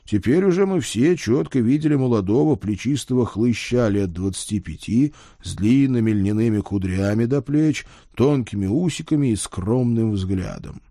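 A man reading a first-person audiobook, with a wry, lively storytelling manner. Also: mid-range voice, moderate pace, hardly any pauses, dry recording, studio quality. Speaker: audiobook narrator.

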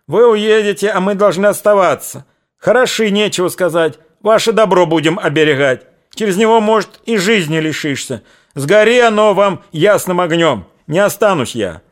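A man doing a shrill, defiant young Cossack woman. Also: expressive, normal speed. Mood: indignant. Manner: shrill wailing protest.

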